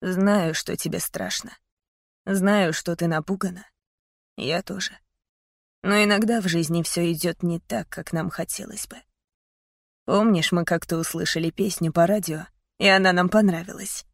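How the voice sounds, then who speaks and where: A woman reading a hushed, tender dying father. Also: on the low side, steady tone, slow, no room sound, studio quality. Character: gentle dying father, middle-aged man. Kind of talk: audiobook character voice.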